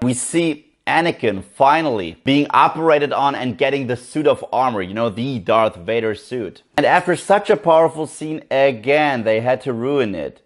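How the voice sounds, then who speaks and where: A young man giving a casual spoken movie review, sarcastic and profane, with animated asides. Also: mid-range voice.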